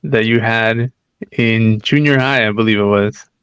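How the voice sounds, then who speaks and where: A man co-hosting a podcast in relaxed casual chat, chuckling between remarks. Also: fairly low pitch, a little slow, clear, resonant tone, no room sound. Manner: relaxed, chuckling, easygoing asides. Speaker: podcast co-host.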